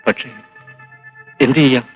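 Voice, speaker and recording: An actor playing an educated hospital doctor who explains a grave diagnosis in a measured way. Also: male voice, dull audio, faint music behind, natural voice. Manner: measured, explanatory, mixing in English.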